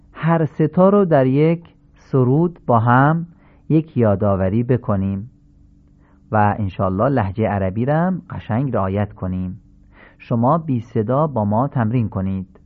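A man teaching Quran recitation in a radio lesson, explaining patiently and chanting drill syllables slowly. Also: mid-range voice. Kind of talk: radio lesson on Arabic pronunciation. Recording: tinny phone-like broadcast sound.

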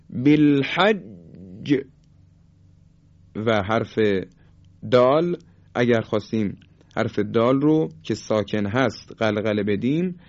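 A man teaching Quran recitation in Persian, explaining each rule, then drawing out the example words slowly and firmly. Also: mid-range voice, a little mellow. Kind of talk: tajwid lesson with slow demonstrations. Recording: dull lo-fi sound.

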